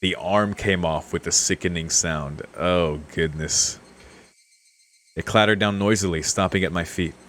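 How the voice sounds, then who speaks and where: Reading a visual novel aloud on stream, a man drops in casual remarks as he goes. His voice sits low with a fairly bright tone, and his pace is a little slow.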